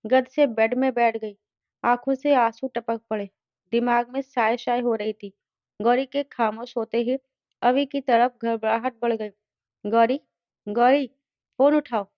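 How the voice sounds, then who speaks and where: A woman narrating a dramatic family story in a scripted reading style, voicing every character in the same steady voice. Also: fairly high pitch, unhurried, no echo, lo-fi sound.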